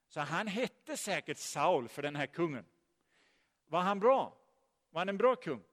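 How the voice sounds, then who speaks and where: A man preaching a sermon, telling the story in a lively way and putting questions to his listeners. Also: fairly high pitch. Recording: long hall reverb.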